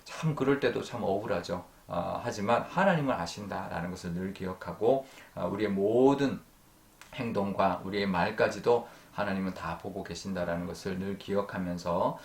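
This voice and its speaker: Low-voiced pastor preaching in an echoey room. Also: male voice, gravelly. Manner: earnest, many drawn-out fillers, trailing off softly at sentence ends. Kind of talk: dawn prayer sermon. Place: church sanctuary.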